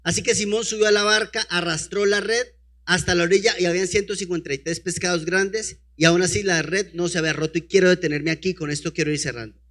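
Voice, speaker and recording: A man's voice: sits high, steady tone, fast talker, a bit bright. A man preaching a sermon, reading scripture aloud and breaking in with rhetorical questions to the congregation. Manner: calls out to a helper to advance the slides.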